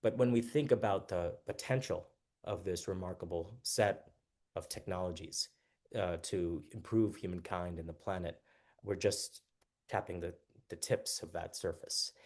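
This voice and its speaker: A man's voice: sits low, a little slow, a little mellow. A man moderating a panel discussion, introducing the guests with enthusiasm and frequent restarts.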